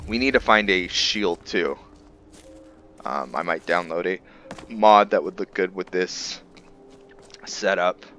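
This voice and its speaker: Over video game music, a low-pitched man provides relaxed let's-play commentary as a gaming host, thinking out loud about his choices. He speaks slowly with frequent pauses, and his slightly bright voice carries a faint hiss or hum.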